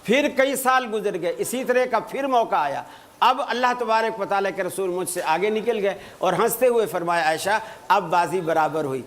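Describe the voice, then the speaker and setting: A man giving a religious talk to an audience, telling stories with light humor and reciting Arabic phrases slowly. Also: high-pitched, a bit bright. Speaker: Islamic preacher.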